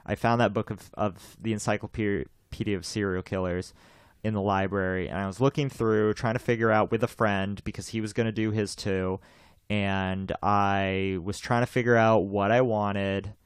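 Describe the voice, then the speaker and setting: Smooth-voiced young man, chatty host. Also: lowish voice, steady tone, normal speed, no room sound, studio quality. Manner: rambling, repeats himself, laughs often. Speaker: podcast host. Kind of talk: casual chat.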